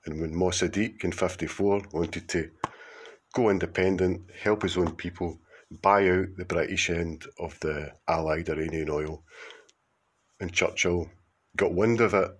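A man's voice: sits low, fairly even intonation, unhurried, husky. A man in his fifties with a Glaswegian accent, speaking casually to camera in a rambling, hesitant way. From Scotland. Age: 50s. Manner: rambling, hesitant, with many fillers and restarts. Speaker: contributor sending a video message.

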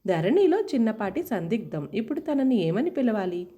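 Woman narrating a story, expressive, mellow warm voice, lots of pitch movement. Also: normal speed, lo-fi sound. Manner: expressive, lively reading.

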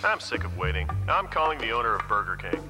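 A smug, cocky ad mascot. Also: male voice, fairly low pitch, very animated, fast talker, music in the background. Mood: ranting. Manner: smug, sarcastic, self-assured. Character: cocky mascot, grown man with ball head, smug. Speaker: ad spokesman. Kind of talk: scripted TV ad spokesman.

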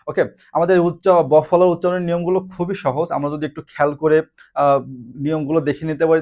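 Male teacher, slightly high voice, slow and deliberate, rhetorical questions. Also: a little mellow. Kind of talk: online grammar lesson.

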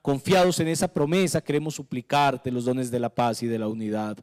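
A man in his forties with a Colombian Spanish accent, a priest leading Mass with solemn, measured recitation into a handheld microphone in a small chapel. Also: mid-range voice, fairly even intonation, darkish tone. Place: small chapel with altar flowers. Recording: long chapel reverb.

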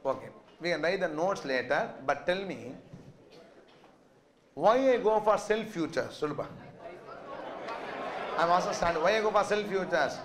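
Male lecturer, South Indian accent, high voice, insistent question-and-answer classroom delivery. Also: animated, a little fast, pauses often. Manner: insistent, repeatedly asks and answers own questions. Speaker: finance lecturer. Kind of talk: classroom lecture with rapid-fire questions to students.

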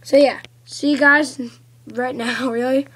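A woman's voice: sits high, steady tone, measured pace, fairly bright tone, husky. A woman giving casual unboxing commentary for a gaming video, sniffling from a cold, on an amateur home recording. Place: carpeted room at home.

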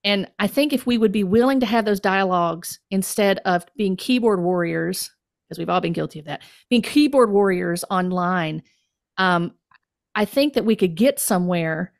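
A woman's voice: medium pitch, normal speed, vocal fry, no echo, studio quality. A woman co-hosting a casual theological discussion, speaking earnestly and often restarting her sentences. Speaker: podcast co-host.

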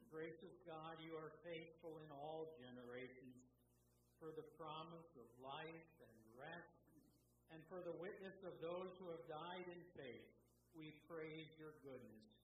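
Guy leading prayers at a pulpit mic, slow and measured, big echoey church from far off, noisy. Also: a little high. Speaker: worship leader. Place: large church sanctuary.

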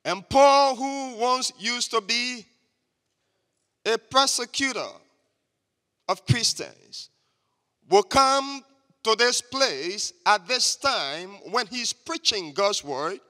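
Man preaching, high bright voice. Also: expressive, takes it slowly, long pauses. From Liberia. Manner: emphatic, has the congregation repeat after him. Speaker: guest preacher. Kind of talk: church sermon. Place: church sanctuary. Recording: long church reverb.

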